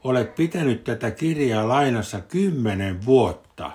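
A man's voice: mid-range voice, animated, a little mellow, close to an everyday voice. A polite rabbit librarian lady from a children's storybook, read by an older man in his ordinary voice. She speaks in a businesslike, courteous way. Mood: stern.

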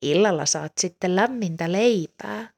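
A gentle, patient mother from a storybook, voiced by a woman reader. She speaks softly and reassuringly, and her voice sits a little low. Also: expressive, creaky.

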